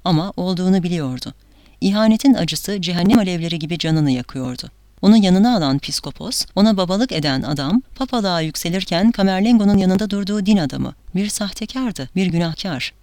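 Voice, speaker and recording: Woman, audiobook narration, dramatic, measured, dry close sound. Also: on the low side, lively intonation, a little mellow, no echo.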